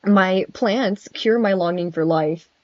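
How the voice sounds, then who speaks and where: Speaking slowly at medium pitch, a virtual streamer voices a friendly male vampire prince in casual chat, full of nervous giggles and stammers. There's no room sound; the lo-fi mic is dry and dull.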